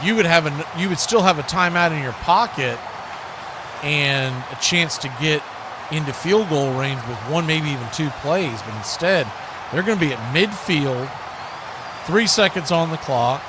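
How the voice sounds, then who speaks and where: For a fan watch-party stream, a man does live play-by-play of a football game, blending calls with his own views in a conversational way. His voice is on the high side, with lively intonation at normal speed, over clearly noisy audio.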